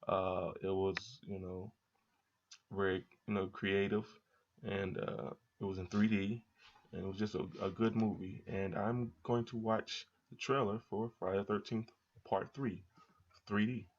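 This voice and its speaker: Guy doing casual reaction chat, kinda low voice, stumbles and repeats himself, muffled lo-fi audio. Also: little pitch movement, slight background noise. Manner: rambling, halting, repeats words. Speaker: reaction video host. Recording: dull lo-fi sound.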